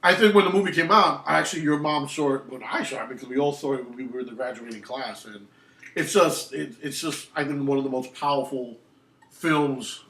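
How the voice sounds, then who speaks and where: A man's voice: medium pitch, a little fast, recorded from a distance. A man, telling rambling film stories in casual chat, full of restarts. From New York. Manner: rambling, animated storytelling with many restarts. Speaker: podcast host. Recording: roomy echo, off-mic.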